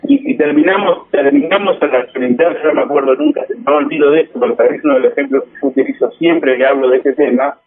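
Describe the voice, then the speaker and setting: As a casual guest, an Argentine man talks expressively and quickly with few pauses, his voice on the high side; he rambles and restarts sentences. The sound is phone quality.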